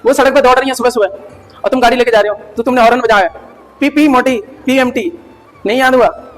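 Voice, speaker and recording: Male teacher, high-pitched, lively lecture, quizzing the class, reverberant hall. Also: quick pace. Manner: animated, quizzing students with rhetorical questions and jokes. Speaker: English grammar teacher.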